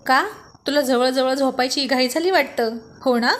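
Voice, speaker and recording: A woman's voice: high-pitched, moderate pace, fairly bright tone. A woman reading a joking young friend. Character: good-natured joking young man friend.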